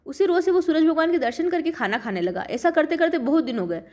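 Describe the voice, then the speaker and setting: A woman's voice: high voice, animated, fast, darkish tone. A woman, narrating devotional folk tales in a plain, homely storytelling tone.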